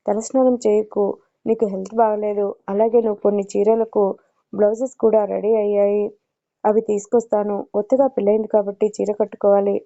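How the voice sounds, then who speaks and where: A woman's voice: medium pitch, level tone, brisk, dark tone, close to an everyday voice. A woman voicing an older mother-in-law who is firm and scolding but caring. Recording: dull lo-fi recording.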